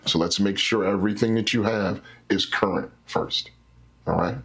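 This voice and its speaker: A man with a deep, low-set voice and a husky grain to it. He talks like a patient teacher, breaking ideas down into simple steps. He keeps it animated with acted-out examples as an interview guest. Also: moderate pace. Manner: animated, teacherly, acts out scenarios. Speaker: credit specialist guest. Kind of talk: explaining with stories in an interview.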